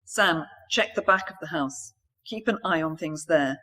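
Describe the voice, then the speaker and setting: A woman voicing a tense, commanding bearded doctor in a storybook reading, giving curt orders in a lowered voice. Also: measured pace, pushed and bright, heavily acted. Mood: urgent.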